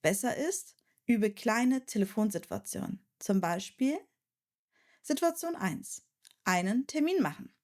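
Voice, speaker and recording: A woman teaching a language lesson, reading out example phone phrases in a clear, deliberate way. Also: a little high, lively intonation, darkish tone. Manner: slow, clear, deliberate delivery. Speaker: German teacher.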